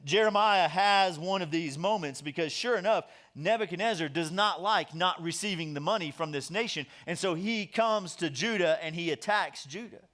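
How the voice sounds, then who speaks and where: A man's voice: high-pitched, moderate pace, hardly any pauses, fairly bright tone. A man preaching a sermon as pastor, conversational and joking, drawing in his audience.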